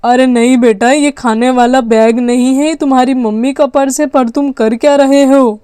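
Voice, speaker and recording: A woman's voice: high voice, fairly even intonation, moderate pace, mellow, smooth, no echo, clean studio sound, natural voice. A woman voicing a tired father of two in a doll story, talking in a fussy, scolding way. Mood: puzzled. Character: grown man, tired father of two kids. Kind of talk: doll story role-play.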